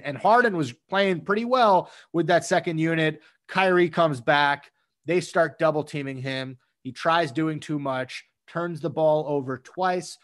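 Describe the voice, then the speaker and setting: A man co-hosting a casual sports talk show, animated as he rattles off game stats and recaps plays. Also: fairly high pitch. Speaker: sports podcast co-host.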